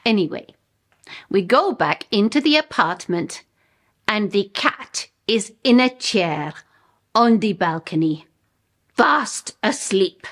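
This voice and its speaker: A woman with a Polish accent performing a comic monologue as a bemused storyteller, in short phrases with dramatic pauses. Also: medium pitch, lively intonation. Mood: wry. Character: bemused woman telling an absurd personal anecdote.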